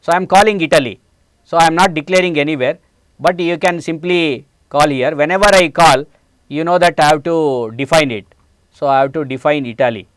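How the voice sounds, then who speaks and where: A man's voice: a little high, fairly quick, a bit bright, smooth, no echo. A man in his forties with an Indian English accent, giving a programming lecture step by step with many hesitant fillers. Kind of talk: classroom lecture. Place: studio set, indoors.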